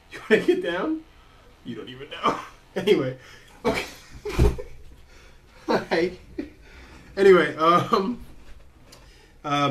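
Rambling young man vlogging casually. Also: fairly high pitch. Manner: rambling, self-interrupting, jokey. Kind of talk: casual direct-to-camera vlog.

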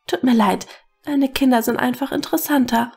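A woman voicing a dreamy, blunt young woman with a high, airy, wandering way of talking in a storybook reading. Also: moderate pace, vocal fry, darkish tone, slightly rough, faint music behind, heavily acted.

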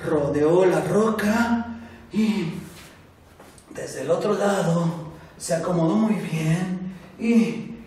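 A man with a fairly high voice narrating a children's story slowly and expressively. The recording is very echoey and distant, as if from across a bare room. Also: darkish tone, slight background noise. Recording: echoey room, far from mic.

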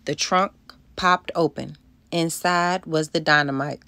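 A woman's voice: low-pitched, fairly even intonation, measured pace, sharp tone, clear, resonant tone, no room sound. A woman narrating a first-person storybook, reading expressively and voicing the dialogue. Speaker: audiobook narrator.

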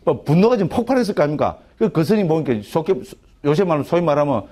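A man's voice: on the high side, very animated, fast, mellow. A middle-aged man with a Gyeongsang Korean accent, a monk giving a chatty class lecture on a Buddhist text, constantly asking the class "right?" and restarting his sentences.

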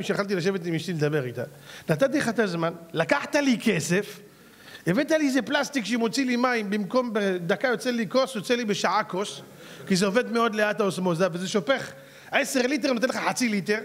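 A man's voice: high-pitched, animated. A middle-aged man, a rabbi, telling a story in a sermon and acting out both sides of a conversation. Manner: acts out both sides of a dialogue with a salesman.

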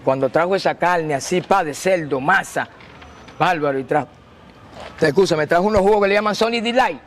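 Guy telling his story all animated and slangy, kinda high voice, faint noise behind. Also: a little fast. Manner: animated, slangy, acts out quotes. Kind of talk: casual storytelling.

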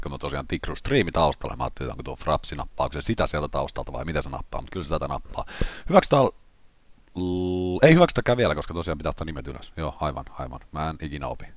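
Man, very low voice, hoarse from being ill, casual gaming vlog host, self-mocking chatter, dry close recording. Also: no room sound. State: hoarse from illness.

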